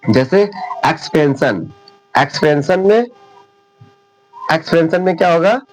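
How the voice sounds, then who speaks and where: A man's voice: on the high side, animated, a little slow, a little hiss or hum, rough recording. A man teaching English pronunciation in Hindi, with a sore throat, patiently spelling words out letter by letter. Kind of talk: spoken Hindi English lesson.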